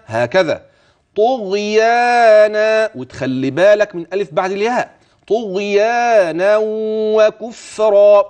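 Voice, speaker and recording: A high-voiced man with an Egyptian Arabic accent teaches Quran recitation in a TV lesson. His pitch swings widely as he stretches each verse out slowly and tunefully. Between verses he explains the rules in fast, chatty colloquial speech, asking himself questions as if coaching a student. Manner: slow, drawn-out melodic recitation alternating with quick, chatty colloquial explanation. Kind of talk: tajweed lesson for a religious TV channel.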